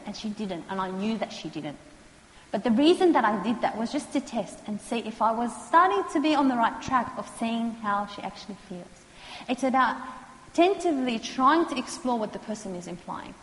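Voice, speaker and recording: A woman, calmly explaining counselling skills to students and acting out what clients say. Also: fairly high pitch. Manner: calm, measured, acts out client quotes. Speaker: counselling lecturer. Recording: echoey hall, faint noise.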